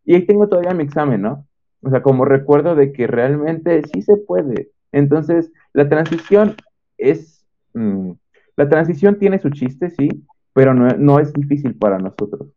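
A young man with a Mexican accent tells of his own schooling in a casual, animated way and acts out the dialogue he recalls. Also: on the high side, moderate pace. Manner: animated storyteller who acts out quoted dialogue. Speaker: homeschooled former student sharing experience. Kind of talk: casual testimonial talk. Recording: tinny phone-like sound.

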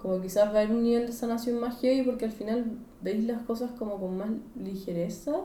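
A woman's voice: a little high, steady tone, quick pace, dark tone, reverberant, distant mic, a little hiss or hum. Chilean woman, slangy and thoughtful. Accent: Chilean Spanish. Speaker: podcast guest. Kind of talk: casual chat.

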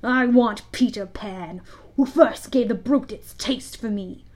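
A woman voicing a vain, brooding, menacing pirate captain from a storybook, with dark, theatrical, emphatic delivery. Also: a little high, slow pace. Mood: furious, vengeful.

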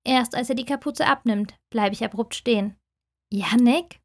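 Steady-voiced woman reading aloud. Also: on the high side, moderate pace. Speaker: book podcast host. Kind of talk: audiobook reading and podcast outro.

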